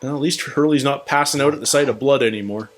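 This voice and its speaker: A man hosting a reaction video, excitedly questioning what he sees on screen. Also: medium pitch, fast talker. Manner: excited, full of questions and exclamations. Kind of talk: first-time viewing reaction.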